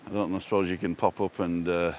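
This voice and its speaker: Deep-voiced and fast-talking, with little pitch movement and a slightly mellow sound, a Yorkshire man hosts a casual live-stream walk by the sea. He jokes, chats, and reads viewer comments aloud over slight background noise.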